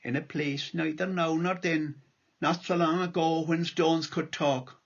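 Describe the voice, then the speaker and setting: A man's voice: a little high, fairly even intonation, a little slow, gravelly, lo-fi sound. An Irish man reading aloud from a prepared talk in a lilting storyteller's manner, like a local history speaker reciting. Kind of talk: prepared talk read aloud, with quotations and poetry.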